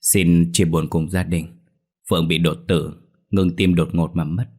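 A man doing a calm, professional doctor. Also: deep voice. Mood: grave, measured. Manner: brisk orders, measured condolences. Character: calm male hospital doctor, composed and professional.

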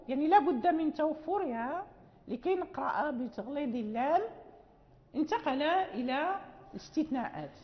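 A high-voiced woman teaches Quran recitation, explaining patiently and stretching out each example word slowly while checking in with her students. The sound is muffled and dull, carried on the long echo of a large hall. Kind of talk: classroom lecture. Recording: muffled reverberant hall recording.

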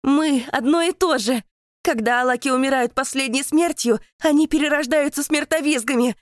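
A woman voicing a desperate female monster who was once a girl, shouting in frantic pleas. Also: sits high, normal speed, no echo, clean studio sound, voice pushed up, natural voice. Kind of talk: audiobook character voice.

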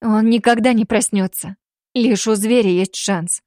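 A defiant young captive woman, as a female narrator voices her, speaking quietly and steadily with a resigned edge. The storybook reading sounds dry and close-miked. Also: medium pitch, a little slow, dry recording, natural voice. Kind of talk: audiobook character voice.

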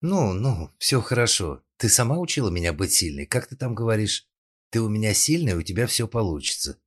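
A man's voice: on the low side, big pitch swings, a little fast, breathy edge, voice pushed up. A man voicing a brash, tipsy, impulsive young woman in an audiobook, speaking flippantly. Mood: coaxing.

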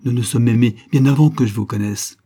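A man's voice: medium pitch, normal speed, dark tone, slightly rough, lightly acted. A man voicing a bitter young wife in an audiobook, speaking coldly and defiantly, breaking into angry outbursts. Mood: furious.

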